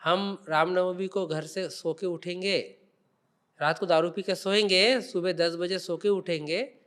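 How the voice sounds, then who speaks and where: A man's voice: high voice, steady tone, measured pace, a bit bright, smooth. A man speaking as a religious guest on a podcast interview, explaining spiritual teachings in an emphatic, preaching way.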